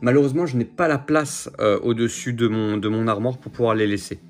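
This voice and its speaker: A man whose mid-range voice is steady and fairly quick casually walks the camera through his figure collection. His unboxing chat rambles, with plenty of fillers and repetition.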